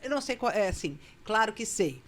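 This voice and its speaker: A Brazilian woman hosts a podcast in an easygoing, mid-pitched voice. She speaks frankly and tells personal stories, with a faint room ambience behind her. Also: sing-song, a little fast, a little hiss or hum. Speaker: podcast host. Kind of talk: casual podcast chat.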